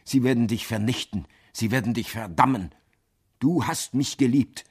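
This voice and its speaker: A man's voice: medium pitch, normal speed, breathy edge. A man reading aloud and voicing an anguished, bitter man who accuses and pleads by turns. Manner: impassioned, swinging between hushed and loud.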